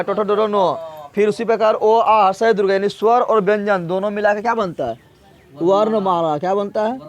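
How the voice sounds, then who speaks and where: A man teaching a grammar class, drilling syllables aloud and quizzing and scolding his students. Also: high-pitched.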